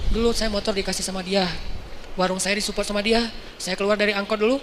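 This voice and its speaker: A man's voice: sits high, level tone, fast talker, a bit bright, in a large hall, a little hiss or hum. A man voicing his humble, grateful male friend who pleads earnestly before God. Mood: pleading.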